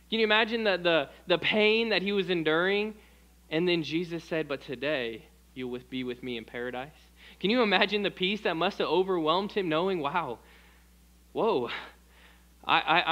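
A man's voice: high-pitched, fairly bright tone, lo-fi sound. A male American pastor preaching an evening sermon, asking the congregation questions and reading scripture aloud. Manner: acts out quoted voices with shifts in tone.

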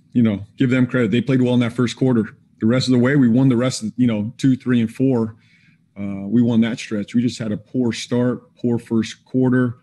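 This head basketball coach, a man in his forties, takes postgame press conference questions on a video call indoors against a team backdrop. He speaks plainly and deliberately, using frequent fillers, in a mellow, mid-range voice.

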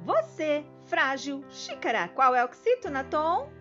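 A woman's voice: high-pitched, sing-song, measured pace, fairly bright tone, muffled recording, faint music behind. A woman teacher with a Brazilian accent, quizzing and praising a helper in a sing-song children's lesson.

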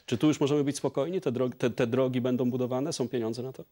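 Male TV interviewer, mid-pitched, conversational and probing questions. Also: steady tone, quick pace, dark tone. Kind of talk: political interview. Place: TV studio.

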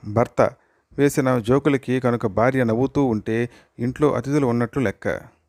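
A man hosting a joke channel, reading short jokes aloud in a steady storytelling way. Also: medium pitch, normal speed, no echo, studio quality. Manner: steady storytelling read, light voicing of quoted lines.

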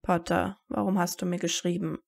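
A guarded teenage wizard, wary and bitter, clipped in every answer, as a woman reading a fan story puts him on. The voice stays close to her own and has a gravelly, creaky edge. It is a plain storybook reading rather than a full character voice. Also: fairly low pitch, flat delivery, moderate pace, a little mellow.

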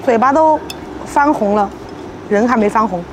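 High-voiced young woman food vlogger, playful. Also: normal speed, noisy background. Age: young adult. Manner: playful, exclamatory, talks while eating. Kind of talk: casual mukbang chat to camera. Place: outdoor table at a street-side restaurant.

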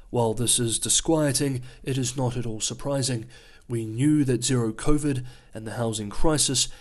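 A male host at an ordinary mid pitch narrates a scripted economic news analysis voice-over in a calm, measured way. He steadily explains each point as if walking viewers through the figures. He is losing his voice, which sounds thin and increasingly hoarse.

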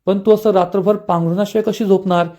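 A man's voice: sits high, steady tone, fast talker, mellow, lightly acted. A man voicing a stubborn, teasing young husband from a TV serial, speaking in a coaxing, playful way.

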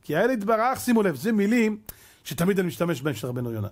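Man, rabbi, high voice, impassioned sermon, loud then hushed. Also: very animated. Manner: impassioned, swings between loud exhortation and hushed asides.

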